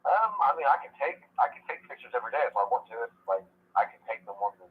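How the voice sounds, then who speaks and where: Husky man over a muffled phone line. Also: mid-range voice, very animated, racing. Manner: soft-spoken, hesitant, repeats words when starting. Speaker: guest on a call. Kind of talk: casual conversation.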